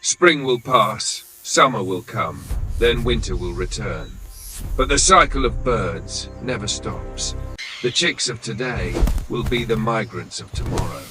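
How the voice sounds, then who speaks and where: A man reading scripted nature documentary narration in a solemn, dramatic manner, with short measured phrases and weighted pauses. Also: fairly low pitch, lively intonation, over music. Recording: loud nature ambience of birds and insects.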